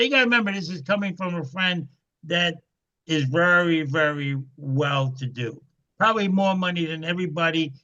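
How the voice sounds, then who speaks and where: 70s guy telling his story on a call, high bright voice, kinda dull lo-fi audio. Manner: animated storyteller, acts out quoted dialogue. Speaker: business testimony speaker. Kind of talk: testimony to a group call.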